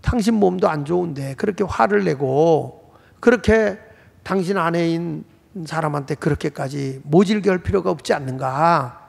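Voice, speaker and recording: A man's voice: on the high side, normal speed, creaky, darkish tone. A man voicing an old friend who earnestly scolds a sick man. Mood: reproachful. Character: reproachful old male friend. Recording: reverberant church hall.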